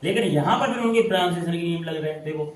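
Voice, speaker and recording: A man teaching English pronunciation in a classroom style, repeating and drawing out words as he explains. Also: fairly high pitch. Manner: repetitive, drawn-out spelling out of words. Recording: echoey room from far off.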